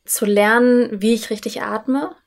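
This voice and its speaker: A woman in a relaxed podcast conversation, speaking reflectively and at length about her nerves. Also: a little high, measured pace, creaky. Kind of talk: casual conversation.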